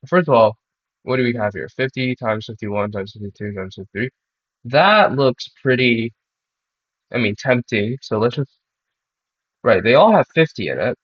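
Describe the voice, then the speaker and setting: A young man who is sick talks in a monotone, hesitant way, with many pauses and restarts, as he works through a math club problem. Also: fairly low pitch, dry recording. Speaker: math club student presenter. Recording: dull dry recording.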